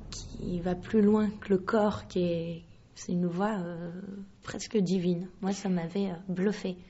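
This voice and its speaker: A young woman from Paris, a singer answering interview questions, often pausing and searching for her words. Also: on the low side, warm tone, dull audio, slight background noise. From Paris, France. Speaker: singer guest. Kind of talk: radio interview.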